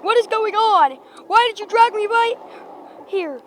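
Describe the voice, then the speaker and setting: A woman's voice: extremely high pitch, unhurried, a little hiss or hum. A woman voicing an indignant, complaining male toy bear that is stuck in place. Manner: complaining, repetitive.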